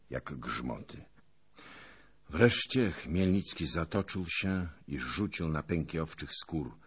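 A man narrating a historical novel as an audiobook, with a dramatic, expressive reading. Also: extremely low pitch, slightly rough.

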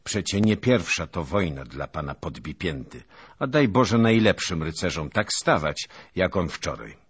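A man's voice: low voice, big pitch swings, unhurried, slightly rough, voice pushed up, exaggerated voice. A man doing an earnest young lieutenant.

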